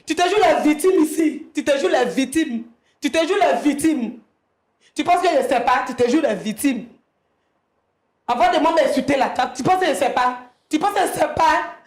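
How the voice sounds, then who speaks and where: A woman's voice: sits high, expressive, moderate pace, reverberant. A woman on a talk show confronting her husband, repeating her accusations insistently.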